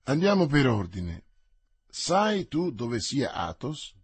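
Man voicing a commanding young musketeer, lively swooping delivery, husky dry storybook read. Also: mid-range voice, takes it slowly, no room sound, full character voice. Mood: impatient. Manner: energetic, emphatic exclamations. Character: bold young male musketeer, impatient and commanding.

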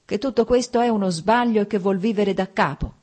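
A woman's voice: medium pitch, expressive, moderate pace, a little mellow, voice pushed up, close to an everyday voice. Woman reading a stiff cold husband, formal and restrained, audiobook. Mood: bitter.

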